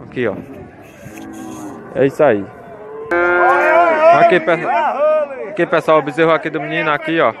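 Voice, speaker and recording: Heavy background noise surrounds a man whose voice is a little high; he speaks at normal speed but pauses often. Walking the outdoor cattle pens with his phone, this cattle-fair vlogger chats casually with viewers, repeating his call-outs to them while the market crowd chatters.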